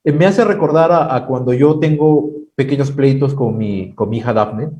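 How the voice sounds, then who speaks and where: Male preacher, 30s, warm dark voice, heard from a distance, plays out the dialogue himself. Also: moderate pace. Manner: acts out dialogue with God in high mocking voices. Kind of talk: sermon at a prayer night.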